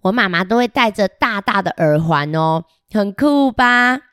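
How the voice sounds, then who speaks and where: A woman's voice: medium pitch, expressive, measured pace, fairly bright tone, clean tone, dry recording, studio quality. A woman voicing a chatty little boy about to start kindergarten in a children's picture book read-aloud, playful and giggly as she talks straight to the children listening. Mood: cheerful, boastful. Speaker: storybook reader.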